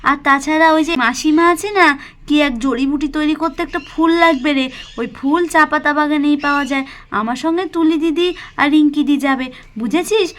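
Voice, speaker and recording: A woman's voice: sits high, fairly quick, a bit bright. Woman voicing a tender village mother. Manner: emotional, soothing and tender toward her daughter. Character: poor, self-sacrificing young village mother.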